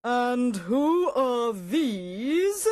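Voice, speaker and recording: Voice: mid-range voice, very animated, no echo, studio quality, pitched above the performer's own voice. A narrator voicing a bossy, furious storybook queen who commands and drags out words imperiously. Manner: commanding, shouting, drawn-out words.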